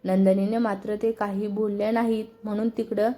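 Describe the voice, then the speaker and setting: A woman narrating a serialized family story in a steady, expressive reading. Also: medium pitch, moderate pace.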